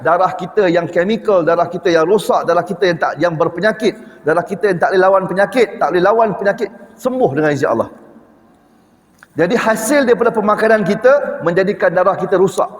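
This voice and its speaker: A man's voice: high voice, expressive, a little fast. A middle-aged man giving an evening lecture in a mosque, talking animatedly and putting rhetorical questions to his listeners. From Malaysia. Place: mosque prayer hall. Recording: echoey mosque hall reverb.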